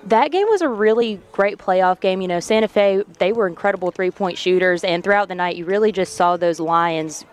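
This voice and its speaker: A woman's voice: mid-range voice, fairly quick, hardly any pauses. A woman sports reporter, a little out of breath, talking enthusiastically as a guest on a live radio broadcast. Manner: enthusiastic, repeats "incredible".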